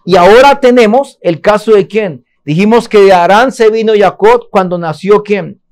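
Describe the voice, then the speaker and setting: A man's voice: high-pitched, normal speed, darkish tone. A man teaching a Torah lesson, asking his listeners questions and answering them himself.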